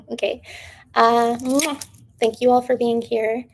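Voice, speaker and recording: A woman's voice: on the high side, flat delivery, slow pace, a little hiss or hum. A woman hosting a casual livestream, rambling with lots of fillers and drifting into whispers, her throat strained from talking. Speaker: livestream host.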